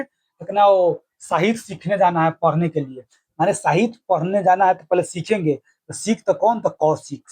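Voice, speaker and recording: A man with a fairly high voice teaches an exam-prep lesson. He repeats each point several times and builds silly memory tricks around it, speaking casually to his viewers as friends. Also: darkish tone.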